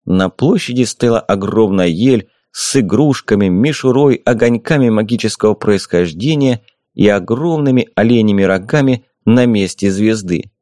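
Lively male audiobook narrator, dry sound. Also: lowish voice, normal speed, hardly any pauses, no room sound.

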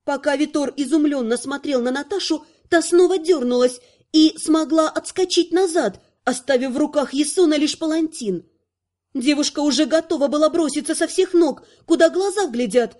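High-voiced woman reading a story. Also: moderate pace, darkish tone. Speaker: narrator. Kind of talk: scripted narration of a fantasy story.

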